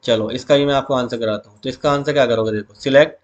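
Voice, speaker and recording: A man's voice: medium pitch, fairly even intonation, muffled recording. A male teacher giving an exam revision lesson, calling his students "beta" and repeating key words back to them as questions. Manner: reads English SQL commands slowly, word by word.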